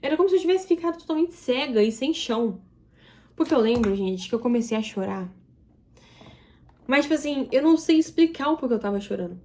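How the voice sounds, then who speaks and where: Young female vlogger, slightly high pitch, confessional and emotional, speaking directly to viewers. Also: lively intonation, brisk, dark tone. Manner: emotional, confiding, talks straight to viewers. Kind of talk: confessional storytelling to camera.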